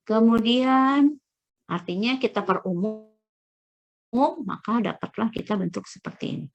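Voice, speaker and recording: Give me a middle-aged woman lecturer with a gravelly edge, explaining slides patiently. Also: medium pitch, muffled recording. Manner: explanatory, frequent checking "ya", searching fillers. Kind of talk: recorded lecture walking through slides.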